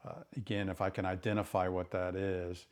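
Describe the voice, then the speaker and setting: A man's voice: low-pitched, flat delivery, a little fast. A middle-aged man, a therapist, explaining recovery ideas in an earnest way and often repeating words as he starts a thought. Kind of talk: educational talk to camera.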